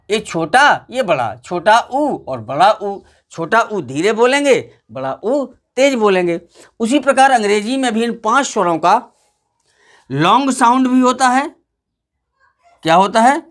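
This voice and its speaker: Man, pronunciation teacher, unhurried delivery, patient, repeats sounds, classroom lesson. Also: high voice, fairly bright tone.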